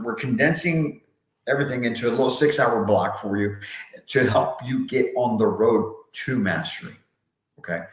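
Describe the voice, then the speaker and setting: Man talking in an echoey empty room. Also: lowish voice. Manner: upbeat, repeats words, keeps asking "right?" and "okay?". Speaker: sales trainer hosting a live session. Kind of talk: live motivational sales talk. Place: brand-new empty, unfurnished office.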